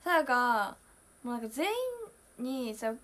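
A young woman in her twenties, chatting casually on a solo livestream, emotional and talkative, moving from loud bursts to hushed asides. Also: fairly high pitch, normal speed. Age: 20s. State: near tears at times. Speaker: idol streamer.

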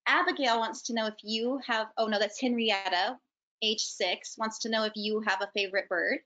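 A middle-aged woman casually hosts over a video call from an indoor room, relaying audience questions. Her voice is fairly high and sharp, fairly even in intonation at a moderate pace, and the computer audio sounds dull and lo-fi.

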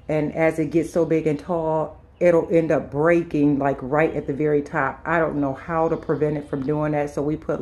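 Giving her viewers a house tour, a home and lifestyle vlogger chats casually as she walks between the rooms and the sun porch. Her voice is deep and dark in tone, and her talk is halting and unscripted, often looping back on itself.

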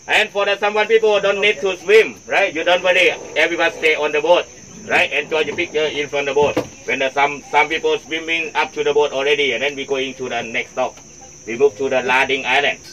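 A man's voice: on the high side, pushed and bright, a little hiss or hum, low-quality recording. A man with a Thai accent, working as a tour guide and speaking through a face mask. He briefs a boat tour group in broken English, repeating his points.

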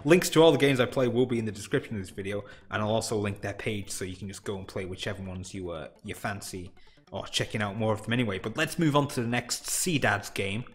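A man's voice: on the low side, fast talker. A man casually commenting on indie games as he plays, in a chatty, rambling, self-deprecating way. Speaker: game showcase host. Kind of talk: casual let's-play commentary.

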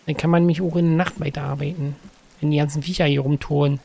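A man's voice: a little high, fast talker, vocal fry, husky. Chatty man narrating his gameplay. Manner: chatty, talks to game characters, sudden excited outbursts. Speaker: gaming let's-player. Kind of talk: casual gameplay commentary. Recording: faint game music behind.

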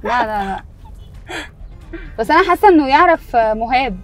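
A woman's voice: fairly high pitch, expressive, moderate pace, fairly bright tone, soft background music. A woman with an Egyptian accent, driving a car in a prank, teasing and provoking her passengers. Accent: Egyptian Arabic. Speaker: prank driver. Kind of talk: prank banter. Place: inside a car.

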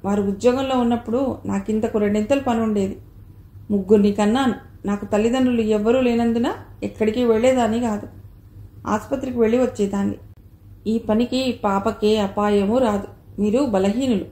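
A woman's voice: fairly high pitch, fairly even intonation, moderate pace, mellow, close to an everyday voice. A woman reading aloud voices a poor, proud young mother who speaks sharply and sarcastically. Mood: bitter. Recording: roomy echo.

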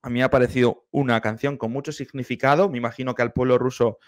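Man, choir director, music reaction commentary, explains vocal technique, medium pitch, dry close sound. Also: fairly even intonation, fast talker, no room sound. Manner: explanatory, enthusiastic, hums vocal demonstrations.

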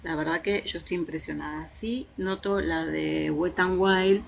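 Woman doing a makeup review out on her terrace, lowish gravelly voice, faint noise behind. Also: a little slow. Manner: chatty, hesitant fillers, shows swatches to viewers. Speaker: beauty vlogger. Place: home terrace, outdoors in daylight.

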